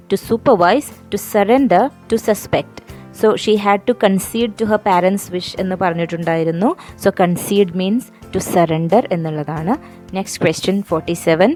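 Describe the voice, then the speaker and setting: A woman teacher with a Malayali accent going through exam questions, reading English options slowly and explaining in quick asides. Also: mid-range voice, darkish tone.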